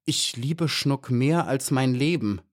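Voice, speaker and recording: A man reading puts on a proud male hornet warrior who guards a robbers' castle in a children's tale. He talks bluntly and roughly, a little higher than the narrator's plain voice. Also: slow, close to an everyday voice. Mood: pleading.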